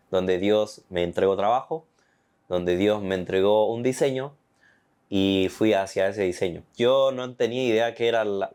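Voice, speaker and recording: A young man with a Chilean accent giving an earnest, animated personal faith testimony. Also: lowish voice. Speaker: testimony guest.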